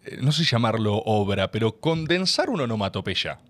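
A man from Argentina with a Rioplatense accent, hosting a casual interview in a relaxed, teasing way. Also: on the low side, normal speed, no echo. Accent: Rioplatense Spanish. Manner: relaxed, teasing, chuckles often. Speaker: interview host. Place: studio.

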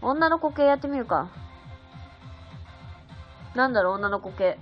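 A woman's voice: a little high, expressive, a little slow. A young woman chatting casually on a livestream, giggling and answering viewer comments. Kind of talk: casual live-stream chat. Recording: dull lo-fi stream audio with faint music.

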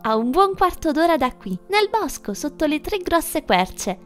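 A woman's voice: high-pitched, sing-song, a little slow, voice pushed up. A woman voicing a sweet, cheerful little girl in a storybook reading, over faint music. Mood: eager. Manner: bright, eager, childlike.

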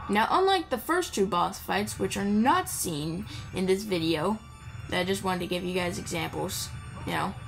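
The audio is poor, with game music playing behind a woman's gravelly, medium-pitched voice. She's a gaming video creator offering loose, playful commentary, rambling and addressing the game and its characters.

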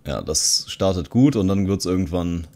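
A man's voice: low voice, lively intonation, moderate pace, warm tone. A man explaining a text-to-speech tool in a casual, chatty way, with some fillers. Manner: conversational, with fillers. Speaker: tech reviewer.

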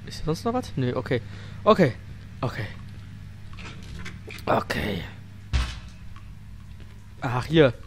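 A man's voice: mid-range voice, sing-song, takes it slowly, long pauses, a little hiss or hum. A man giving casual, crude and slangy commentary as a scared, jumpy horror game streamer. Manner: crude, slangy, self-deprecating joking. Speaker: let's play streamer.

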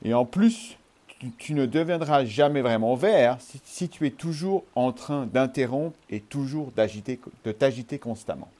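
Man playing an irritable old snake, complains and lectures, storybook, dark tone. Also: mid-range voice, animated, moderate pace, natural voice. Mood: annoyed.

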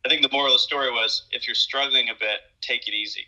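A man in his thirties, a pro ski racer, telling stories in a relaxed casual way on a home video call, often repeating words. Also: medium pitch, fast talker, rough recording. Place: small room at home. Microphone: video call webcam.

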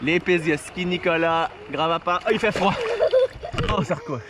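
A man vlogging his family trip, narrating in a casual, playful way with lots of excited exclamations, recorded on a handheld action camera at an outdoor heated pool. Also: a little high, moderate pace, heavy background noise. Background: loud music.

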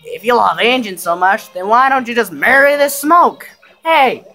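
A man's voice: very high voice, expressive, moderate pace, sharp tone, voice pushed up, full character voice, poor audio. A young man putting on a smug villain boss with a fake Southern drawl. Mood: taunting. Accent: put-on Southern US. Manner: taunting, barking commands.

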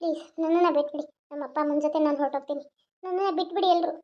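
Brief: a woman playing a heartbroken cartoon heroine; very high and tearful, muffled recording. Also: fairly even intonation, very fast, mellow, close to an everyday voice. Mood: despairing. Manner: tearful, pleading. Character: grieving young woman, heartbroken and pleading. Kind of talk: cartoon voice acting. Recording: dull lo-fi recording.

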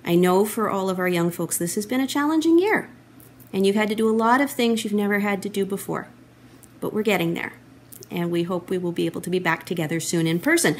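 A middle-aged woman telling a Bible story to children, animated and expressive. She speaks into a laptop webcam in a wood-panelled room at home, voice sitting at an ordinary pitch. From Canada. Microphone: laptop webcam, close framing.

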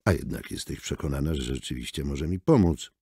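A man's voice: rumbling low, lively intonation, a little fast, warm tone, slightly rough, dry recording, clean studio sound, heavily acted. A man voicing a subdued, wary young man held in custody in an audiobook. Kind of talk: audiobook character voice.

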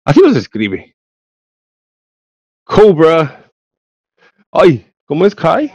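Man, Mexican accent, teacher, online lesson, fairly high pitch, dry computer mic. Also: wildly swooping pitch, slow pace, a little mellow, dry recording, muffled recording. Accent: Mexican Spanish. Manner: chatty, explains step by step, many check-ins. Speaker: English teacher. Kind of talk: online class lecture.

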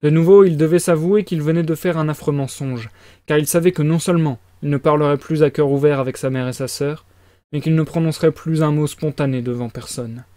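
A man on a live stream reading a novel aloud in a steady, expressive narration into a close mic. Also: on the high side, fairly quick, no echo. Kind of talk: audiobook reading.

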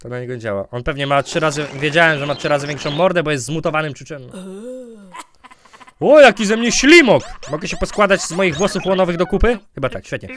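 A man giving jokey let's-play commentary, goofing around with silly name twists and sudden loud outbursts. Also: fairly high pitch, expressive, quick pace. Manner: goofy, jokey, mispronouncing names on purpose, bursts of loud outbursts. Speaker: gaming YouTuber.

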